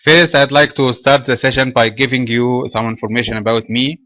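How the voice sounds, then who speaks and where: A man from Egypt presenting a trading webinar in a measured, explanatory way. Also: mid-range voice, fairly even intonation, sharp tone, no echo.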